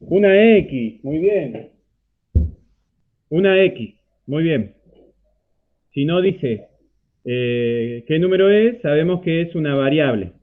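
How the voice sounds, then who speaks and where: A man's voice: a little high, lively intonation, slow, long pauses. A man with an Argentine accent teaching a math class online, explaining step by step and checking in often with a rising "¿sí?". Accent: Argentine Spanish. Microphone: computer mic on a video call. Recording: tinny phone-like video call audio.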